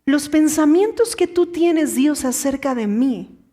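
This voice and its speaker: High-voiced woman preaching a sermon. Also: expressive, slow. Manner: impassioned, swings from loud to hushed whispers. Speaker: pastor.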